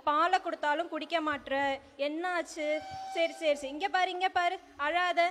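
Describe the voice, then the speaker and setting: A woman's voice: very high-pitched, steady tone, normal speed, a bit bright. A woman playing an anxious young village mother soothing her crying baby, in an amateur role play. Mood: fretful. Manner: fretful, pleading.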